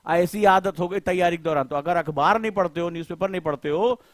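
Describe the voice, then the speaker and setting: Fiery high-voiced teacher. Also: male voice, fast talker, no echo. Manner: impassioned, rhetorical questioning; colloquial, addresses students directly. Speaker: coaching teacher. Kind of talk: live online lecture.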